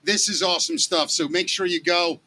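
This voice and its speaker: Male podcast co-host, bright and a touch high, eager and effusive. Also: fairly even intonation, brisk. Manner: enthusiastic, effusive. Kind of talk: casual podcast chat.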